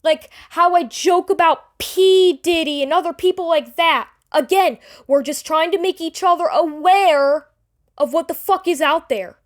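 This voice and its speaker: High female voice, off-the-cuff self-justifying vlog, rambling, stop-start phrasing, repeated words, casual cursing. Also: a little slow. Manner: defensive, explaining self; casual swearing. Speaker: online creator addressing the audience. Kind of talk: unscripted personal apology and self-defence video.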